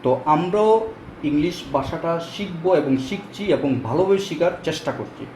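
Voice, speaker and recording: A man's voice: a little high, animated, moderate pace, a little mellow. Male pronunciation tutor, casual lesson, fillers, echoey room with faint background hum. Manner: explains step by step with frequent fillers. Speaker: English pronunciation teacher.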